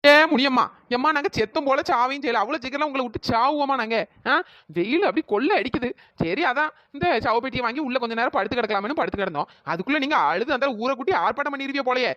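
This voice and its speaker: A woman's voice: high-pitched, fast talker, fairly bright tone, no echo, muffled recording. A woman voicing a lazy, cheeky village woman in a cartoon, speaking in a with an easy, teasing manner. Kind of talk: cartoon voice acting.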